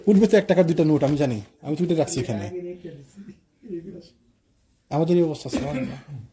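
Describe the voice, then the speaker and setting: A man's voice: fairly high pitch, a little fast, a crowd in the background. A man preaching a conversational sermon in a mosque, mixing quoted prayers with casual asides. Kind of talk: sermon on the life of the Prophet.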